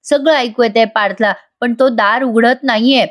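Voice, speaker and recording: A woman narrates a voice-over review of a TV serial episode, chatting directly to her viewers. Her voice sits a little high, lively and conversational. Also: normal speed.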